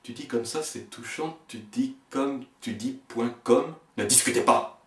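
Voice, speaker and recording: A man performing experimental spoken-word poetry in a fragmented delivery, stammering and repeating words, swinging between hushed murmurs and sharp outbursts. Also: mid-range voice, a little slow. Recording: echoey room, voice far from the mic.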